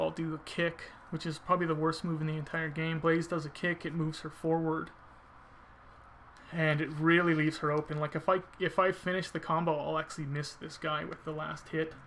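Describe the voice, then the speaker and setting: Bright-voiced man doing casual game commentary. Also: fairly high pitch, flat delivery, moderate pace, creaky, a little hiss or hum. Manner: informal, thinking aloud as he explains technique. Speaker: video game player commentator.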